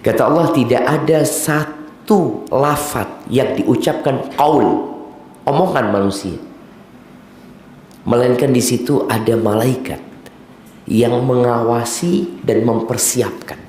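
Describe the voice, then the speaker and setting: A man preaching a sermon in with a tinge, lively and mixing in words and Arabic recitation. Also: medium pitch, slow pace, pauses often. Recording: very echoey hall, faint noise.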